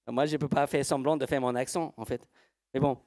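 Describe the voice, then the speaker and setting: A man's voice: mid-range voice, darkish tone, no echo, studio quality. A man, a horse trainer speaking slightly broken French in a live seminar demonstration, asking rhetorical questions and answering them himself.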